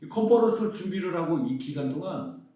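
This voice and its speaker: Middle-aged man from Seoul, pastor, animated preaching voice, fairly high, heavy echo from a distant mic. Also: brisk. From Seoul, South Korea. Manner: lively preaching with rhetorical questions. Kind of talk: conference sermon. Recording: very echoey hall, mic far off.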